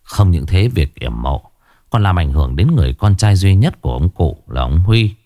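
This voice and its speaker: A man narrating a horror story in a lively, expressive reading. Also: deep voice, moderate pace, dry recording, studio quality.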